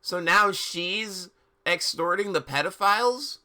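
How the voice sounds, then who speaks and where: Taking it slowly, a man with a high, pushed and bright voice hosts a livestream reading of fan fiction. He makes fun of the text with theatrical, incredulous asides and exaggerated emphasis.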